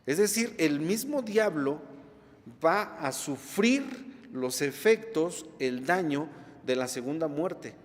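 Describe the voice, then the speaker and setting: A man's voice: on the high side, animated, slow, in a large hall. A man preaching a sermon, emphatic, repeating key words and checking in with the congregation. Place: church.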